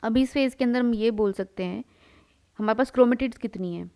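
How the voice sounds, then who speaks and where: A young female biology teacher with a warm, mellow, rather high voice speaks fairly quickly while drawing on the board. Her classroom lecture is a question-and-answer drill in which she gives the answers herself, says "beta," and uses English words.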